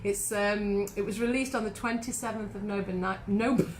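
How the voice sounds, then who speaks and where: A woman in her fifties from England chats between songs and reads out trivia with eager delight. Her voice sits at an ordinary middle pitch. The sound is roomy, with a faint hiss behind it. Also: steady tone, normal speed. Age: 50s. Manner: chatty, eagerly reading out trivia. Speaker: singing teacher co-host. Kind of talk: casual chat between songs.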